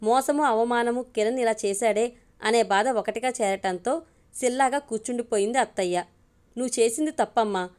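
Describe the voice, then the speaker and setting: A woman's voice: a little high, normal speed, darkish tone, clear, resonant tone. A woman reading a family story aloud, voicing the characters' dialogue in her own voice. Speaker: narrator.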